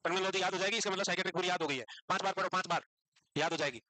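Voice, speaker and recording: A man teaching psychiatry to a class, brisk and scolding, calling his students "beta" and mixing English medical terms into his Hindi. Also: high voice, fairly even intonation, sharp tone, a little hiss or hum. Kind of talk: classroom lecture.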